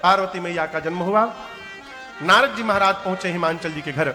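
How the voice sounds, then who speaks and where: A man's voice: high voice, a little fast. A middle-aged man telling a devotional story as a sermon, acting out the characters and breaking into sung verses. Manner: animated storytelling, chanted verses, voices for characters. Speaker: kathavachak storyteller preacher. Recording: large hall with long reverb. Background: devotional music playing.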